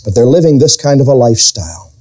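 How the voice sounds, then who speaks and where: Very animated and warm, this middle-aged pastor talks fast as he preaches. His sermon features sudden swings in pitch, stretched-out key words, and voices he quotes along the way.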